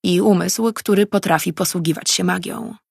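A stern, domineering male mage barks and scolds in a low, gravelly voice, as a woman narrator puts him on. He sounds impatient, with a husky edge, recorded close and dry. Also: fairly even intonation, moderate pace, no echo. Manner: sharp, scolding.

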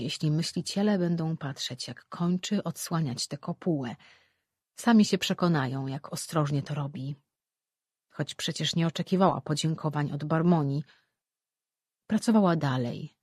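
Husky, dry audiobook narrator. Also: medium pitch, darkish tone, no echo. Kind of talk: scripted fantasy narration.

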